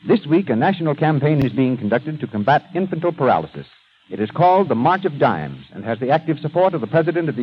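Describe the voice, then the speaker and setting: A man working as a radio announcer, giving cast credits and appeals in a polished, formal delivery on an old radio show. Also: medium pitch. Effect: old radio show broadcast sound. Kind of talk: 1930s radio broadcast announcing. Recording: dull lo-fi 1930s radio recording with faint hiss.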